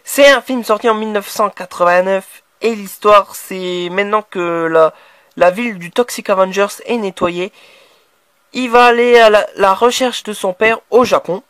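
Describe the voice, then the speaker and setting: A man with a French accent talks through his horror DVD purchases in a casual, rambling way, full of restarts and fillers. His voice sits high for a man. The recording is dry and close, with no room echo. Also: normal speed, fairly bright tone. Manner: hesitant, many restarts and fillers, enthusiastic. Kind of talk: casual unboxing chat.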